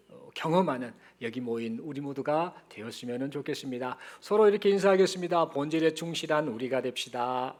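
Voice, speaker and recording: Korean pastor telling a story from the pulpit. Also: male voice, fairly high pitch. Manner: storytelling, addressing the congregation directly. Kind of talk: Sunday sermon. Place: church sanctuary.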